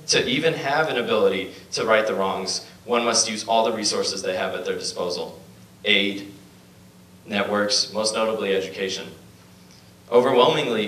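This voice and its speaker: A man's voice: on the low side, a bit bright. A young man born in Bosnia giving an earnest prepared speech at a podium with a handheld mic, with some restarts and fillers. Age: young adult. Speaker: student speaker. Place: lecture hall. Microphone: handheld mic, filmed from far. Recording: echoey hall, far from camera mic, faint hum.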